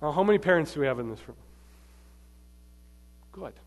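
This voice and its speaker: Man delivering a lively sermon, slightly high-pitched, punchy swings in volume, audience questions, echoing hall. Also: a little fast. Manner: emphatic, swings between loud and quiet, quizzes the audience. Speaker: preacher. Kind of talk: sermon to a live congregation. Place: large church hall. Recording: long hall reverb.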